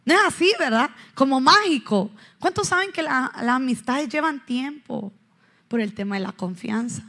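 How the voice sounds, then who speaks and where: A woman pastor in her thirties preaching in church, telling animated stories and asking the congregation questions. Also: high voice, normal speed, creaky. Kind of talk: sermon.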